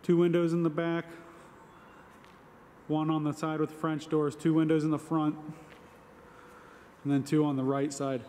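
A homesteader vlogger with a slightly higher male voice gives a casual walkthrough of his building site, relaxed and matter-of-fact, lingering on filler words along the way. It's filmed outdoors on a handheld camera, so faint outdoor ambience and slight background noise sit behind his narration.

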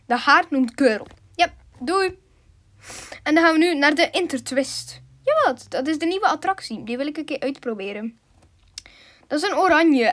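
Giggly high-voiced woman gamer. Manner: chatty and giggly, with English slang mixed in. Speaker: gaming YouTuber. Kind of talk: casual game commentary.

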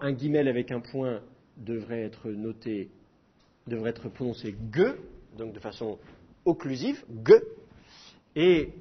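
A man's voice: mid-range voice, slightly rough, dull audio. A middle-aged man teaching a class, explaining with demonstrated sounds and self-mocking humor. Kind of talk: classroom lecture.

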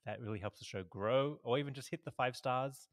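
A man of medium pitch co-hosts a podcast, speaking briskly in casual chat. He readily agrees and repeats short affirmations, using a podcast microphone on a video call.

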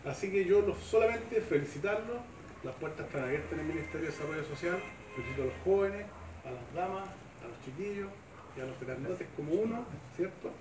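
A man's voice: on the high side, lively intonation, fairly quick. A middle-aged man with a Chilean accent gives a chatty, informal speech at a club event, often checking with the crowd. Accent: Chilean Spanish. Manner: chatty, folksy, seeking agreement with tag questions. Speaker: government official giving a speech. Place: open-sided covered sports shed, semi-outdoors. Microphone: far camera, no microphone. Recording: echoey shed heard from a distance, background noise.

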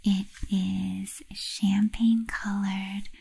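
A young woman whispering softly and slowly in an ASMR video, with a breathy, unvoiced delivery. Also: medium pitch, flat delivery, low-quality recording. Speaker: ASMR creator.

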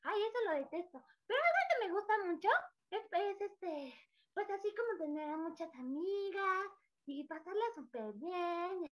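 Mexican lady doing a super high squeaky little squirrel girl, chatty and playful. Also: lively intonation, measured pace. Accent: Mexican Spanish. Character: tiny chattering female squirrel. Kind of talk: voice-acting demonstration in a workshop.

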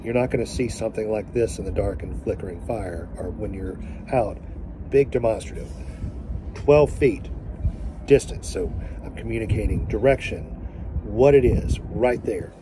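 A man in his forties with a lowish voice speaks earnestly and emphatically to his phone camera, stopping now and then to search for words as he tells a story. He's a family vlogger standing outdoors by a boat in the sun, phone at arm's length, and the audio carries outdoor background noise.

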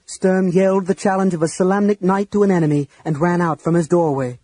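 A man narrating a fantasy audiobook, shifting between shouted lines and hushed whispers for the characters. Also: high-pitched, fairly even intonation, fairly quick, breathy edge, dry recording, low-quality recording. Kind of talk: dramatic audiobook reading.

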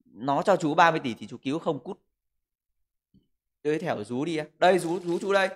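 A slightly high, somewhat bright voice comes through quickly and expressively. It belongs to a man in his 20s livestreaming casually from home, reading viewer comments into a desk microphone and joking crudely.

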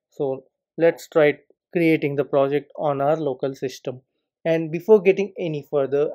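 This coding tutorial is narrated by a man whose voice runs a bit high as he calmly explains one step after another over his screen recording. "Particular" is a word he leans on again and again.

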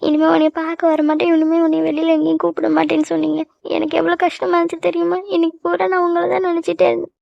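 A hurt young girlfriend in a cartoon pleads and accuses through tears in a high, gravelly, fairly monotone voice. The recording sounds dry and muffled. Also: quick pace, no echo. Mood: tearful. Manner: pouting, accusing, crying. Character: young woman, sulking tearful girlfriend. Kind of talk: cartoon voice acting.

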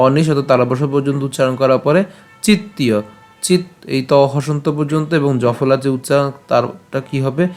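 Bengali man slowly drilling verse pronunciation. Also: mid-range voice, a little mellow. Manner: slow, syllable-by-syllable drilling, asking and answering his own questions. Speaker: teacher of scripture recitation. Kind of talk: pronunciation lesson with chanted verse.

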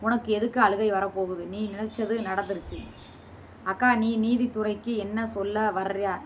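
A woman's voice: medium pitch, fairly even intonation, normal speed, slight background noise. A woman vlogger answering viewer comments in a combative, scolding and sarcastic way. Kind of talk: heated reply to comments.

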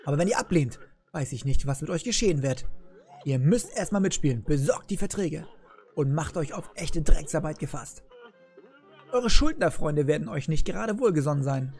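A man's voice: fairly high pitch, lively intonation, moderate pace, darkish tone, soft background music. A man reading the lines of a wise old grandfather kettle who earnestly advises two boys in a cartoon game.

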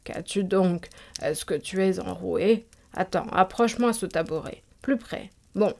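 A woman voicing an old, haughty and capricious countess in a storybook reading, giving drawn-out commands. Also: mid-range voice, vocal fry, darkish tone. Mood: imperious.

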